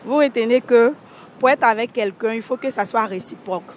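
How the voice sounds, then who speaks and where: At night on a city street next to traffic, a young woman answers a street interviewer's question into a handheld mic he holds. Her voice is slightly high and fairly quick, and she explains her view earnestly, restarting a few times, with a little background noise behind her.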